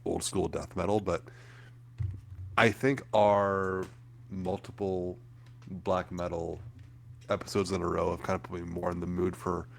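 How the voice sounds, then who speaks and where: A man from Canada co-hosting a podcast in casual chat, laid-back with quick quips. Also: low voice, level tone, vocal fry. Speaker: podcast co-host.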